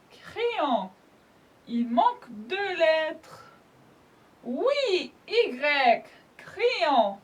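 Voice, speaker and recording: Slow, high-pitched, patient woman teacher. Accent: Algerian French. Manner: patient, enunciates each letter, frequent praise. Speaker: primary school French teacher. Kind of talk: slow, clear spelling lesson for young children.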